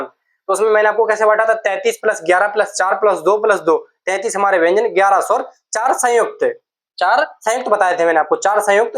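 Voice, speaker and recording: A male teacher giving a classroom lecture. He dictates notes at a slow pace and repeats each phrase so students can write it down. He keeps asking the class questions and then answers them himself. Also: high voice. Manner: dictates slowly, repeating words for students to note down.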